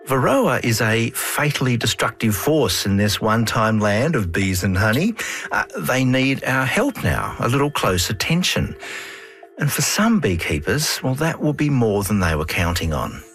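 An Australian man reading scripted, reflective narration like a nature documentary, in measured, lyrical phrases as a radio host. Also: medium pitch, sing-song, a bit bright.

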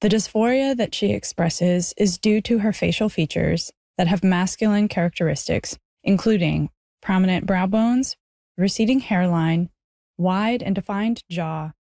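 A woman's voice: mid-range voice, measured pace, gravelly, mellow, no echo, studio quality. A woman reading a document aloud in a formal, clinical manner. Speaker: reader of a letter.

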